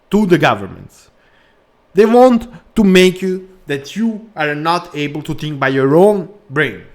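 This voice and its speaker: A man hosting a crypto channel, speaking in broken English in a passionate, preachy vlog rant that repeats points for emphasis. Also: on the high side. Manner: non-native English grammar.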